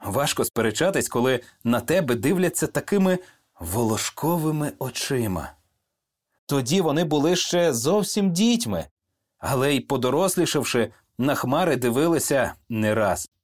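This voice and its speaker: A man's voice: medium pitch, moderate pace. A man narrating a story in audiobook style, telling it expressively. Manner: expressive storytelling, acts out characters.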